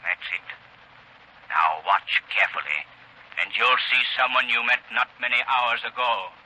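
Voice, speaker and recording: An actor playing a menacing, commanding invisible crime-fighter with deliberate, theatrical 1930s radio delivery. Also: male voice, mid-range voice, animated, bright, forceful tone. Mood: relentless, insistent. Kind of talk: 1930s radio thriller acting. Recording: noisy vintage 1930s radio broadcast recording.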